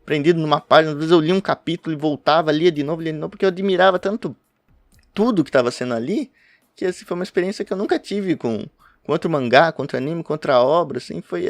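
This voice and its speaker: A man with a fairly high voice talks casually to camera about a manga he loves, recorded on a home webcam setup with no echo. He hosts a podcast reviewing manga, and he rambles, interrupts himself and laughs a lot.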